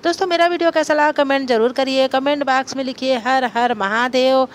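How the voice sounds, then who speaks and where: A woman's voice: sits high, steady tone, quick pace, a little hiss or hum. A woman narrating a devotional folk tale in an earnest, dramatic storytelling manner.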